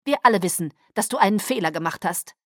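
A cold, scheming vampire lord barks his lines in a loud, clipped, hurried voice, as a woman puts him on. He is curt and brusque, with a dry, close sound. This is an audiobook reading. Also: fairly high pitch, big pitch swings, no room sound. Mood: harsh, accusing.

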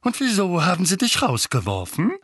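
A man's voice: medium pitch, animated, takes it slowly, vocal fry, a bit bright, breathy edge, no room sound, clean studio sound, heavily acted. A man doing a bellowing, furious uncle. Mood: enraged. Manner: bellowing, spitting rage. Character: furious bullying middle-aged uncle, red-faced.

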